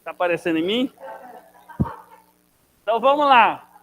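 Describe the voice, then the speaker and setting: A man's voice: high voice, lively intonation, moderate pace, a bit bright, low-quality recording. A man teaching a chemistry class in Brazilian Portuguese, energetically drilling students through a chanted mnemonic. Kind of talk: classroom lesson.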